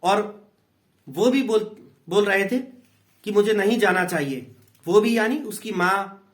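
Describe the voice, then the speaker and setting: A man with an Indian accent, an English tutor, explains a play patiently in a class lesson, repeating points and explaining in two languages. His voice sits high and he speaks slowly.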